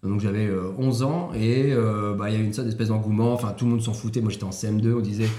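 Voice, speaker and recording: A man's voice: lowish voice, steady tone, fast, warm tone. A man in his thirties from France, a podcast guest chatting casually and hesitantly, with many fillers and restarts. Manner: hesitant, full of "euh" and restarts. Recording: echoey room.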